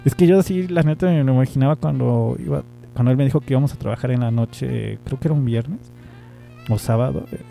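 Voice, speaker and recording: A man's voice: mid-range voice, fairly quick, gravelly, dark tone, faint music behind. A man with a Mexican accent, casually telling a personal story in a rambling, slangy way and laughing often. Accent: Mexican Spanish. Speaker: amateur radio-style host.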